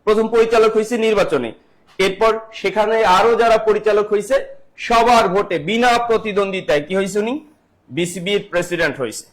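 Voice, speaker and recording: A man with a Bangladeshi accent teaches an online exam-prep class. His voice sits high. He fires questions at listeners and repeats each answer. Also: brisk. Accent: Bangladeshi Bengali.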